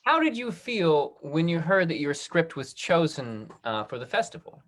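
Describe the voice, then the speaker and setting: Fairly bright and on the high side, this man's expressive voice moves at a normal speed. He's a talk-back host leading a video-call Q&A, keeping things upbeat and encouraging, with sound captured through the call.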